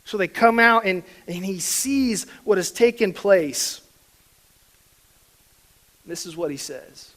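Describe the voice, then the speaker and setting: A pastor delivering a sermon, swinging between quiet reflection and emphatic, louder stretches. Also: male voice, sits high, lively intonation, takes it slowly, pauses often, low-quality recording.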